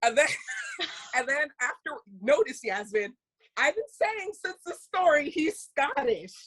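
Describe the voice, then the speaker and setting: A woman co-hosting a casual podcast, with a voice a little higher than most. She tells her stories in a blunt, candid way and swears freely. Her talk is loose and unscripted. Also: expressive, a little slow, a bit bright, poor audio. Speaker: podcast co-host.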